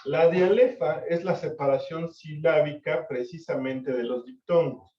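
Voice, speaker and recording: A male literature teacher, lecturing an online class, counting syllables slowly and checking for understanding. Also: a little high, dark tone. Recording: echoey, distant, dull-sounding mic.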